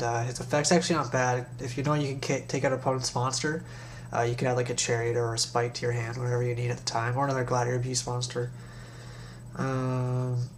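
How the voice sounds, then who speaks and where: A young man with a stuffy, nasal voice from recent nose surgery, chatting casually and in slang as he hosts a deck review. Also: mid-range voice. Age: young adult. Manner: slangy, informal. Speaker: card game video host. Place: small bedroom, indoors. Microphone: webcam or laptop mic at desk distance. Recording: noisy webcam recording with hum.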